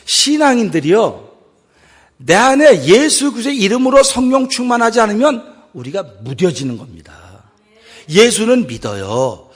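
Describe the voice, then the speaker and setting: A husky-voiced male pastor preaches a sermon in a church sanctuary, his voice sitting high for a man and swinging widely in pitch. He drops to near-whispers when he acts out a prayer, then surges back up to fervent exhortation. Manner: dramatic, swings from hushed acted prayers to loud exhortation.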